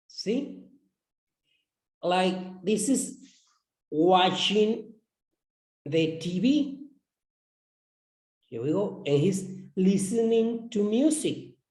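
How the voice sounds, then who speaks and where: A man explaining his classroom lesson plan as an English teacher, halting and repeating words as he goes. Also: sits high, animated, darkish tone. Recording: roomy echo.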